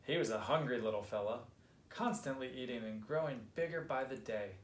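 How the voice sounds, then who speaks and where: A man's voice: medium pitch, brisk. Man reading a children's book aloud. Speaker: storybook reader. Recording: roomy echo.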